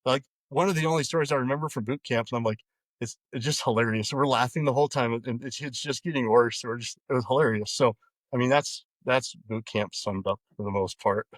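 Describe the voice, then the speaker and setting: A man in his forties from Wyoming tells stories as a podcast guest. He sounds relaxed and wry, with a mid-range voice. The recording is close and dry. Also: medium pitch, fairly quick, dry recording. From Wyoming, USA. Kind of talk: casual storytelling.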